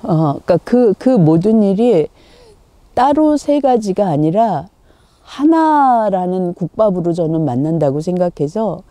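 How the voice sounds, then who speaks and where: Reflective older Korean woman, dark voice. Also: medium pitch, sing-song, no room sound. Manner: reflective, measured, with pauses. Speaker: playwright and theater company head. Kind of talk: documentary interview.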